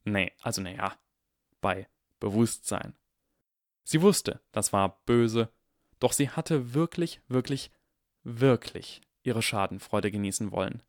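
A man narrating an audiobook in a lively, expressive, dramatic reading style. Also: fairly low pitch, slow pace, no echo, clean studio sound. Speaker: audiobook reader.

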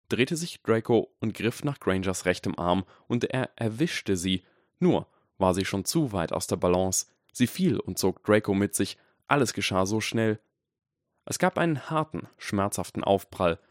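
A man narrating a fantasy audiobook chapter in an expressive, dramatic storytelling manner. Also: lowish voice, no echo, clean studio sound. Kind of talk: scripted narration.

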